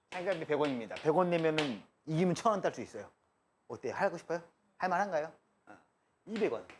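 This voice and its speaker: A man's voice: a little high, a little hiss or hum. A man teaching math in a live classroom lecture, chatty and joking, drifting between asides and explanation. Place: lecture room.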